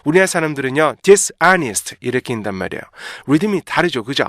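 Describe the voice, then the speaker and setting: A man's voice: medium pitch, expressive, no echo, clean studio sound. Patient man teaching pronunciation. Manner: explains patiently, repeats words slowly, checks in with "그죠?". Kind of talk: pronunciation lesson.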